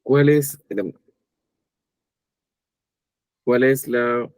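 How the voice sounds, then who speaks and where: A man's voice: medium pitch, takes it slowly, darkish tone, dry recording. A man asking a question over a video call that keeps dropping out and breaking up, hesitating as he searches for words. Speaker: audience member asking a question.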